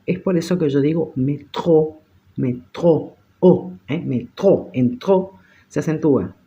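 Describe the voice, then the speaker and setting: A French teacher who gives a patient lesson, repeats words slowly and often checks in with short questions. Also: medium pitch, gravelly, dark tone. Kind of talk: language lesson.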